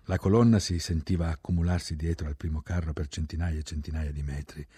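A man reading a literary war memoir aloud, slow and reflective, dropping to a near whisper at times. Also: rumbling low, steady tone, mellow, husky, no echo, studio quality. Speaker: narrator.

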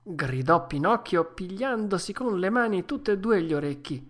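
A woman narrating a classic children's story in a measured, expressive way. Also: on the low side. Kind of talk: storybook reading.

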